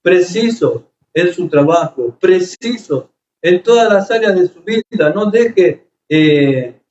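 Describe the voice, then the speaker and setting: A man's voice: high-pitched, lively intonation, slow, a little mellow, slight background noise. A man preaching a sermon, telling stories with emotion and frequent hesitations. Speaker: pastor. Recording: echoey, slightly dull room recording.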